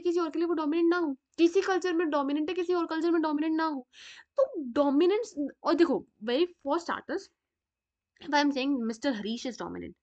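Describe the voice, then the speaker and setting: A woman with a North Indian accent giving a chatty psychology lecture, mixing Hindi and English and asking rhetorical questions. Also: high voice. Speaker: psychology teacher. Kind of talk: classroom lecture. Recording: dull lo-fi sound.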